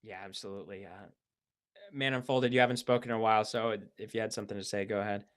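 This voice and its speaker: Smooth-voiced thoughtful podcast host. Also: male voice, fairly low pitch, steady tone, fast talker. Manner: hesitant, thoughtful, fillers. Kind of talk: casual discussion.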